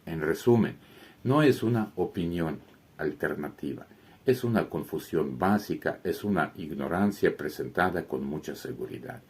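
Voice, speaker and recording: A man's voice: extremely low pitch, lively intonation, moderate pace, darkish tone, slightly rough. A man hosting a language video, explaining point by point in a firm, matter-of-fact way as he rebuts a comment.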